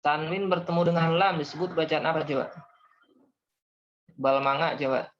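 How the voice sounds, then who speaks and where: A man's voice: fairly high pitch, moderate pace. A young man teaching a class, patiently explaining step by step and calling on students. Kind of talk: online class lesson. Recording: dull lo-fi audio.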